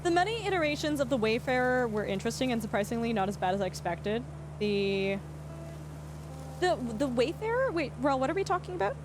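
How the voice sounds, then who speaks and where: A high, very animated voice moves along fairly quickly over background noise as a woman livestreams a game. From Canada and a first-language English speaker, she chats casually with her viewers in a rambling way, often restarting sentences and laughing freely.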